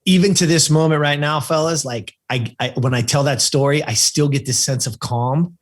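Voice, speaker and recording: As a podcast guest, a man from California in his fifties recounts a personal story, hammering points through emphatic repetition. He talks at normal speed in a fairly high voice, animatedly playing out the people he quotes.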